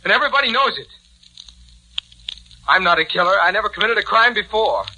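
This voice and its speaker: A man's voice: high voice, lively intonation, brisk, pushed and bright, slight background noise, heavily acted, rough recording. An actor playing a bitter, desperate young man condemned for murder, in 1940s radio acting. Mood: defiant. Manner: pleading, then vengeful and bitter. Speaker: prisoner.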